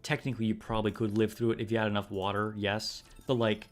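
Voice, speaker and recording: A man's voice: fairly low pitch, little pitch movement, quick pace, faint music behind. Laid-back male streamer chatting casually. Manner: laid-back, rambling, fillers and 'bro'. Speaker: gaming streamer. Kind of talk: casual live-stream chat.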